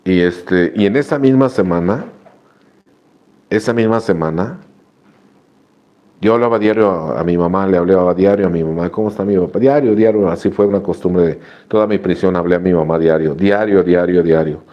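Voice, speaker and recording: A man, speaking in a very low voice, gives a heartfelt personal testimony to his recovery group. He tells his story earnestly, repeats phrases and restarts them often. The sound is dull and lo-fi, like a radio broadcast. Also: moderate pace.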